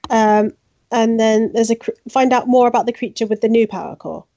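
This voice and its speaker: A woman's voice: a little high, a little fast, warm tone. A woman player in a tabletop game, speaking in a playful way. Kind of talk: tabletop role-play chat. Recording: dull, dry lo-fi mic.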